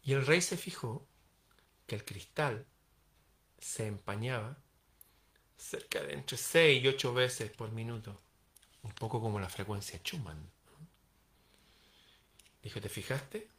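A man's voice: medium pitch, slow pace, pauses often, a bit bright. A man telling a parable aloud, acting out the dialogue in varied voices. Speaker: storyteller. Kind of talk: oral storytelling of a parable.

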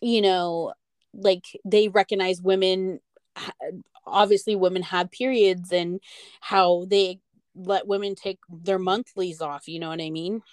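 A woman's voice: lowish voice, fairly even intonation, a little slow, clean tone, no echo. An American woman co-hosting a podcast, talking in a rambling, emphatic way and swearing freely. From United States. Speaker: podcast co-host. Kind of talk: casual chat.

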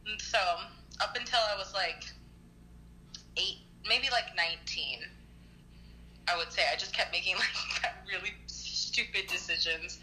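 A woman's voice: fairly low pitch, a little slow, long pauses, sharp tone, a little hiss or hum, low-quality recording. A woman in her early twenties, chatting casually on the phone, rambling with lots of "like"s and coughing now and then as she gets over an illness. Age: early 20s.

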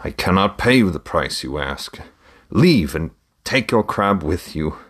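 A man's voice: low-pitched, sing-song, measured pace, slightly rough, heavily acted. A man voicing a shrewd older merchant who haggles with theatrical flair in a read-aloud story. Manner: theatrical, bargaining.

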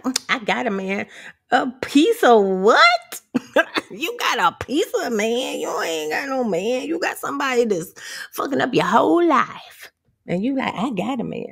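A brash, profane woman ranting to her viewers. She laughs often, her voice swings widely, and it has a gravelly fry. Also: sits high, a bit bright. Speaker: vlogger. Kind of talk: motivational rant.

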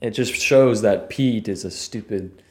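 A man's voice: lowish voice, unhurried. A man co-hosting a podcast, chatting casually about a movie in a laid-back, profane way. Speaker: podcast co-host. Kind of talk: casual movie-review chat. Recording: roomy echo.

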